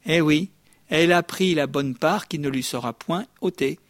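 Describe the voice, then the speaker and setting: A man's voice: on the high side, moderate pace. Chatty older man preaching a sermon. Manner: lively, chatty preaching with frequent "hein?" asides. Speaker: pastor.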